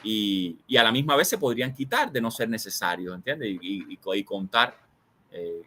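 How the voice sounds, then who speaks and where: A Cuban magazine editor, a man with a lowish voice, lively intonation and a sharp tone, speaks at normal speed as an interview guest. He reflects discursively on politics and culture, emphatically building lists and repeating words, with a little hiss or hum in the background.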